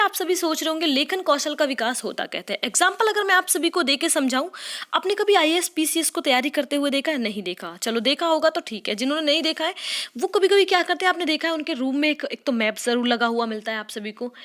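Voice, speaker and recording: Bright high-voiced woman teaching a class. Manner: explaining patiently, often saying "dekhiye". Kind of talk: exam-prep lesson.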